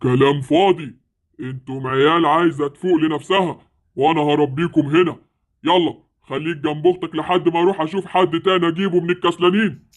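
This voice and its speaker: A man's voice: a little high, fairly even intonation, fast talker, lightly acted. An actor with an Egyptian Arabic accent playing a menacing male sleep monster who kidnaps lazy children, scolding and gloating. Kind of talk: Roblox story series acting.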